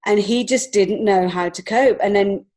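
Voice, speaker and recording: Speaking at a moderate pace in a slightly mellow, medium-pitched voice, a woman tells personal stories during a podcast interview. She writes and illustrates children's books, and she talks warmly, casually and with real emotional openness.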